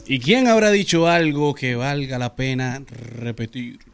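A man's voice: medium pitch, animated, unhurried, over music. A man, a radio host handling segues and light banter. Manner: announcer-like segues.

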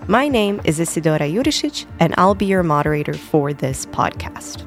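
A woman in her twenties hosts a podcast with a slightly low voice. She talks in a friendly, conversational way and drops in the odd filler word as she moderates. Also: sing-song, moderate pace, soft background music. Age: 20s.

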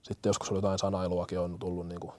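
A man's voice: sits low, monotone, darkish tone. A young man, a firefighter-paramedic from Kenya, answering interview questions earnestly with many fillers and restarts.

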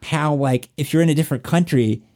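A man's voice: a little high, a little fast, a little mellow. A man from Southwest Virginia with a Southern accent, chatting casually and jokingly, rambling with many fillers. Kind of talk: casual chat.

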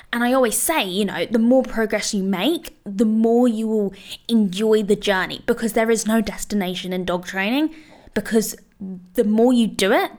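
Chatty, reassuring woman dog trainer. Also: fairly high pitch. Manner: chatty, full of "you know" and "like" fillers; reassuring, encouraging. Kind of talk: casual advice monologue.

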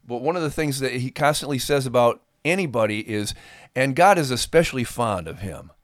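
A middle-aged man, a podcast host and ministry performer, talks to his listeners in an earnest, folksy, conversational way. His mid-range voice is expressive and a little fast. The recording is studio quality with no echo.

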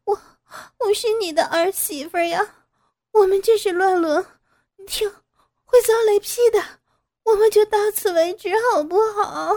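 A woman reader voicing a frightened young married woman in an audio story, shrill and tearful as she pleads. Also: measured pace, darkish tone, dry recording, clean studio sound. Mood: pleading.

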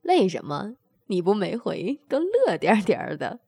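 A woman voicing a bold, pushy man by lowering and raising her voice in an adult audio story. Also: wildly swooping pitch, measured pace, vocal fry, mellow, breathy edge, no room sound, clean studio sound, full character voice. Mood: bossy.

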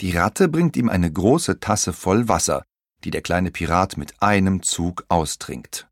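Man, children's audiobook narrator, lowish voice, lively melody, dry recording. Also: a little slow, dry recording. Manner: expressive, storytelling.

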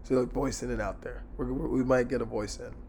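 A hoarse man hosting a casual sports betting podcast by himself, talking in a blunt, slangy, sweary way. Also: medium pitch, steady tone, brisk, a little mellow, slight background noise.

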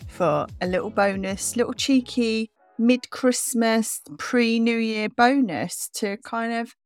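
A woman co-hosting a podcast in casual, self-mocking chat, with a croaky morning voice. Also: a little high, no echo, clean studio sound, faint music behind. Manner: chatty, self-mocking, quick restarts. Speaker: podcast co-host.

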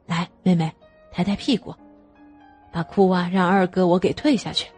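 A woman's voice: fairly low pitch, fairly even intonation, moderate pace, darkish tone, breathy edge, soft background music, voice pushed down. Woman doing a cocky young brother. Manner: brash, cocky. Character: brash young man, cheeky second brother.

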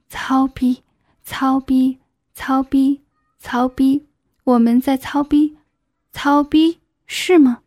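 A shy married schoolteacher, played by a woman reading an adult audiobook speaks breathily and often sinks into a whisper. Her voice is fairly high and sounds close and dry. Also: darkish tone, no room sound.

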